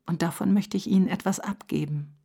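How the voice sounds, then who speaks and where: A woman voicing a small, earnest human boy in a storybook, speaking slowly and sincerely. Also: lowish voice, gravelly, dark tone, slightly rough. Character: small human boy, shy then glad.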